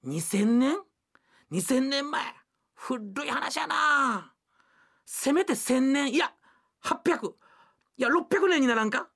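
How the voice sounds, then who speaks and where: A woman's voice: high voice, lively intonation, gravelly, heavily acted. A woman doing a blustering Kansai husband. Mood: puzzled. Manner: blunt, boisterous, quick to shout. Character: bumbling loud middle-aged Osaka husband. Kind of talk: rakugo storytelling.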